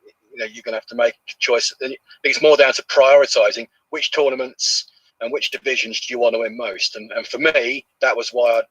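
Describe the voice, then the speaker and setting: Guy guesting on a podcast, casual, kinda halting, normal pitch, dry audio. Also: steady tone, fairly bright tone, slightly rough, no echo, rough recording. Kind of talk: casual strategy talk.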